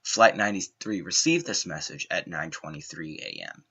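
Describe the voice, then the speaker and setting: A young man reading a scripted documentary narration in an earnest, dramatic way, with slow emphatic phrasing. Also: low-pitched, gravelly, pushed and bright, breathy edge. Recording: dull lo-fi home mic.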